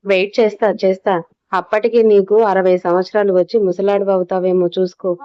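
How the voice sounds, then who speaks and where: A man's voice: sits high, level tone, a little fast, clean tone, no room sound, lightly acted. A woman voicing a joking, loyal young male student in a storybook reading, with dull, dry sound.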